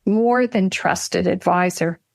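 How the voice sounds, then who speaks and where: A woman being interviewed as a trainer of financial advisors, speaking in a measured, persuasive way and building her points in lists. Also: on the low side, creaky, dry recording, clean studio sound. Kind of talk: interview conversation.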